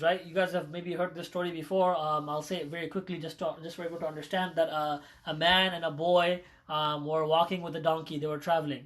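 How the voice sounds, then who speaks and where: High-voiced man giving a casual ethics lesson. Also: a bit bright. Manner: conversational, often adds "right?" tags; acts out quoted voices of critics. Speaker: religious class teacher. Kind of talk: informal Islamic ethics lecture.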